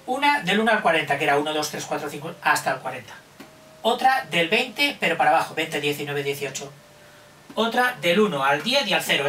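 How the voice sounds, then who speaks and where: A man's voice: fairly high pitch, bright, forceful tone, a little hiss or hum. An older man, a teacher, playfully racing the listener through counting drills in a children's counting lesson. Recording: echoey room, heard from a distance.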